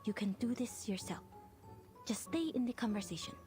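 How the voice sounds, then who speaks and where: A practical young woman adventurer from a video game voiced by an actress. Her voice sits high and sounds encouraging and matter-of-fact. She keeps an upbeat, no-nonsense tone. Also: lively intonation, normal speed, warm tone, faint music behind, lightly acted. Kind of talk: game voice acting.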